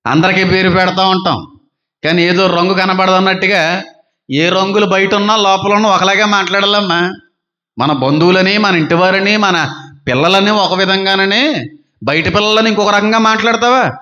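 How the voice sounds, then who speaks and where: Male pastor, high bright voice, emphatic sermon delivery, repeats his points in lists, echoey room. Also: moderate pace, lo-fi sound. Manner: acts out quoted gossip in other voices.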